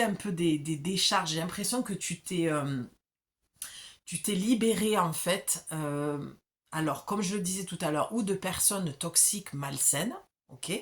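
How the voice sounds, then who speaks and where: A woman giving an oracle card reading, talking straight to the viewer in a chatty, self-mocking way. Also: on the low side.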